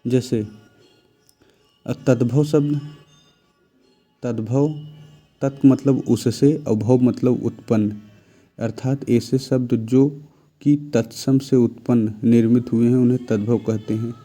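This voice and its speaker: A man's voice: mid-range voice, steady tone, slow pace, pauses often, warm tone, faint music behind. A man teaching Hindi grammar, reading each sentence and declaring it correct or incorrect, sometimes asking quiz-style questions and answering them himself. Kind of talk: spoken grammar lesson.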